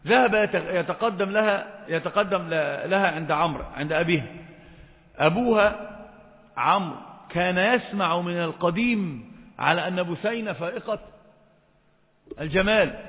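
A man teaching Islamic law to a class. He keeps quizzing the students and scolds them when they don't raise their hands. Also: high voice. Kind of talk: classroom religious lecture. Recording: thin phone-like sound in a reverberant hall.

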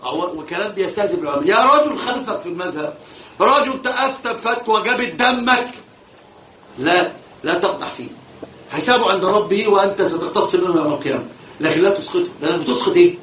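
A man with an Egyptian accent gives a religious lesson, mixing colloquial and classical Arabic, animated and repeating phrases for emphasis. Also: high voice, fast, roomy sound, lo-fi sound, slight background noise. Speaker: Islamic preacher.

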